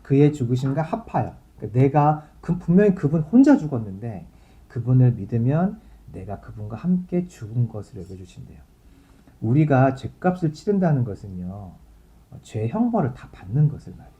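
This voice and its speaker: A man preaches in a deep, mellow, very dark voice. He reads scripture aloud and then explains it in easy, conversational terms. The recording sounds slightly dull and muffled. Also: very animated, moderate pace. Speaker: pastor. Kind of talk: sermon.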